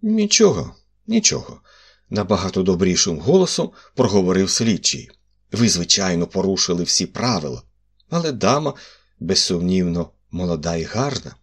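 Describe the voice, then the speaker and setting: A man voicing a fussy, sentimental older examining magistrate with a husky voice and an officious manner. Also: sits low, animated, normal speed. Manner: indignant, then indulgent.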